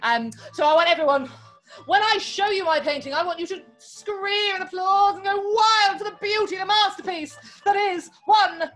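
A young woman hosts a children's show from home, clowning in a theatrical, mock-dramatic way. Her voice sits high and bright. Faint music plays quietly behind her. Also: normal speed. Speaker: children's entertainer host. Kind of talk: playful kids' show presenting.

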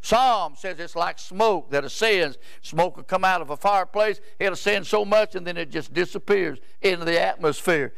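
A man in his 70s preaches a rambling, folksy sermon in a church sanctuary, repeating words and often pausing to ask the crowd "Amen?". His voice is high, creaky and a bit bright, at normal speed with hardly any pauses, recorded clean with no echo.

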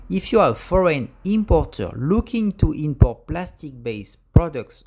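A narrator reading a scripted voice-over in a measured way, with small grammar slips. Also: mid-range voice, a little mellow.

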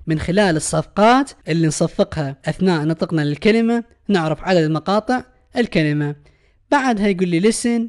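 A man's voice: high voice, a little mellow. A man with an Iraqi Arabic accent gives a recorded English lesson. He speaks patiently, says each word again and again, and translates it as he goes. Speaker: English teacher. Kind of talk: recorded classroom lesson explanation.

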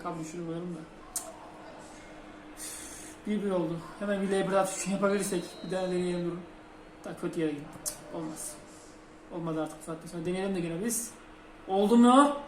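A young man commentating his own football video game, muttering between plays and shouting at goals. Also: high-pitched, little pitch movement, fairly quick, long pauses, background noise. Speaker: gaming channel host. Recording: roomy home recording with game music behind.

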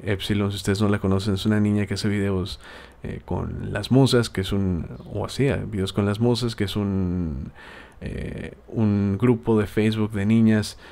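A man from Tijuana, with a Mexican accent, hosts a laid-back podcast and makes videos. His lowish voice has a darkish tone, and his friendly advice wanders, broken up by frequent hesitations.

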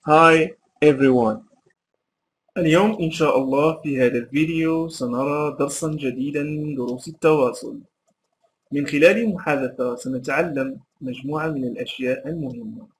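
A man teaching English phrases in Arabic, repeating each one slowly and explaining it. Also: fairly high pitch, a little hiss or hum, poor audio. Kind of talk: language lesson.

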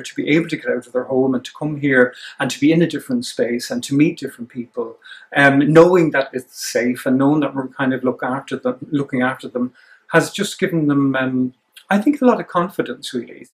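On a rough recording, an Irish theatre director in his sixties talks reflectively in an interview at medium pitch. He pauses in the middle of sentences to find what he wants to say.

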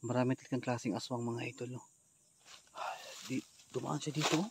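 A man vlogging a ghost hunt alone in rural undergrowth, talking straight to his viewers and often shouting in alarm or chanting prayers. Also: mid-range voice, fairly even intonation, a little fast, background noise. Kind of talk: live outdoor ghost-hunt vlog. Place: rural undergrowth outdoors, insects heard.

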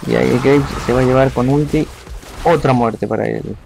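A man calling a live esports match from home, giving hurried play-by-play and talking to his viewers. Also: medium pitch, creaky, darkish tone, a little hiss or hum. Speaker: esports caster. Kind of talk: live game commentary.

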